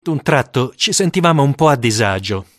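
A man narrating a first-person story for an audiobook, with dramatic, expressive storytelling. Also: mid-range voice, moderate pace, no echo, clean studio sound.

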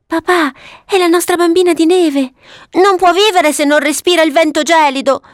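A woman doing high pleading storybook children. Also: fairly even intonation, moderate pace, no room sound, clean studio sound. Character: two pleading young children, boy and girl.

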